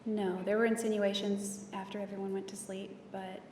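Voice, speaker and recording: Soft, flat woman testifying in court. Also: mid-range voice, normal speed, a little hiss or hum. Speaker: testifying witness. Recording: distant, echoey courtroom audio with long reverb.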